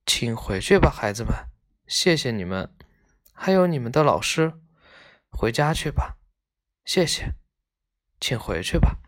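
A man's voice: mid-range voice, very animated, measured pace, pauses often, voice pushed down. A man voicing a weary old stonemason. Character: grieving old male stonemason, humble and tender. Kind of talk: reading a children's story aloud.

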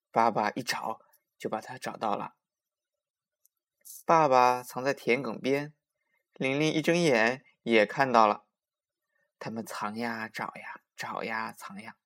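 A man narrating a children's story in a gentle, expressive storytelling voice. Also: mid-range voice, measured pace, pauses often.

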